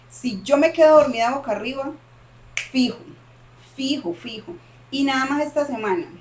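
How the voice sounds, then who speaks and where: A woman's voice: on the high side, a little hiss or hum. A woman, co-hosting a podcast and dramatically retelling a personal story with lots of repetition. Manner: dramatic, animated retelling with repeated phrases. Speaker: podcast co-host. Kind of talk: casual storytelling.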